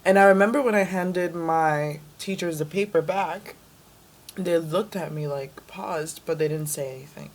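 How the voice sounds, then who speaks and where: A woman's voice: on the low side, moderate pace. A young woman from the Dominican Republic, raised in New York City, talking casually as an interview guest with lots of "like" fillers. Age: young adult. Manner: chatty, many "like" fillers.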